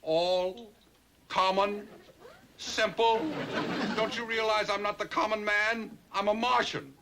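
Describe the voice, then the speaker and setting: An actor playing a fussy Martian uncle who is sick with a cold, complaining theatrically in a 1960s sitcom. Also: male voice, high-pitched, flat delivery, slow, background noise. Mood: whiny sick. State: sniffly with a cold, sneezing.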